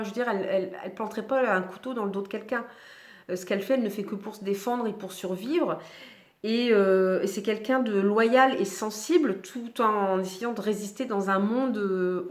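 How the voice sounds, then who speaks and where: Woman book vlogger, casual and hesitant, mid-pitched, recorded in a roomy space. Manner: chatty, hesitant with many fillers and restarts. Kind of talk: casual book review chat. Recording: echoey room.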